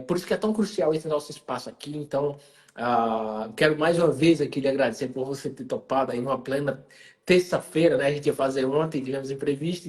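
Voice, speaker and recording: A man's voice: mid-range voice, darkish tone. A man hosting a live conversation, talking emphatically and often addressing his guest by name. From Pernambuco, Brazil. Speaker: live stream host. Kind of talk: casual conversation.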